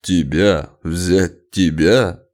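Man voicing a cold scientist husband, curt, sneering, low voice. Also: animated, moderate pace, darkish tone. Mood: coldly gleeful.

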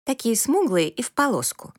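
A pert teenage girl, as a woman reader puts her on in an audiobook, with a high, bright voice that leans hard on every word. She is dramatic and quick to sulk, and her lines swing well above the reader's own pitch. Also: sing-song, no echo, studio quality. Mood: sassy. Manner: high-pitched, sassy, emphatic.

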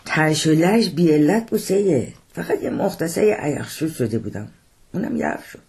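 An easygoing young nobleman, cheerful and offhand, as a man puts him on in a storybook reading. The voice is husky and raised well above the reader's own. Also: fairly high pitch, sing-song, a little mellow, pitched above the performer's own voice, full character voice. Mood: merry. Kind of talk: audiobook character voice.

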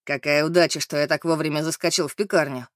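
A man voicing a sly, gloating male newspaper reporter in an audiobook, with a mocking, drawn-out way of talking. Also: fairly high pitch, steady tone, no room sound, clean studio sound, lightly acted. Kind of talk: audiobook character reading.

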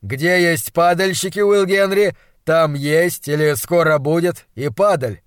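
A hoarse, excitable middle-aged scientist, put on by a male audiobook reader who barks at his young assistant in loud, emphatic bursts. His voice sits a little higher than the narration around him and sounds close and dry. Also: unhurried, dry recording, natural voice. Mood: brisk, hectoring. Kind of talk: audiobook character voice.

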